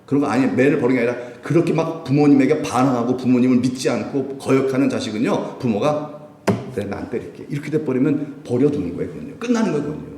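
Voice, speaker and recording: Middle-aged man, pastor, lively preaching sermon, mellow voice, roomy church echo. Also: on the high side. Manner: animated preaching, acting out voices, laughing. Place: church sanctuary.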